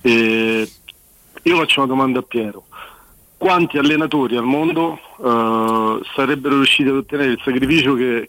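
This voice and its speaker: A man's voice: medium pitch, fairly bright tone, no echo, poor audio. A man phoning in to a radio sports show, chatting in an earnest, slightly aggrieved way. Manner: talkative, earnest, a little aggrieved. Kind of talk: casual call-in chat about football.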